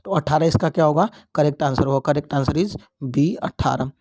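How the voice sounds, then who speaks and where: A man's voice: a little high, normal speed, darkish tone. A young man teaching biology, walking through exam questions and mixing English terms into his explanations.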